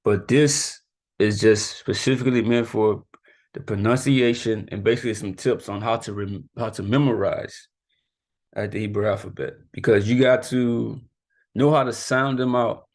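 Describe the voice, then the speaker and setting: Speaking at a moderate pace in a fairly low, steady voice, a youth teacher delivers a casual spoken lesson. His talk is informal, peppered with "right?" and "you know," and he shrugs off his slip-ups with a laugh.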